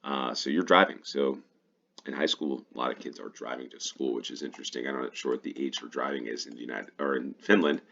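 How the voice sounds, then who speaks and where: An American GeoGuessr player and host gives casual commentary while he plays, thinking aloud and correcting himself along the way. He has a brisk bass voice with vocal fry and a slightly bright edge, captured with lo-fi sound.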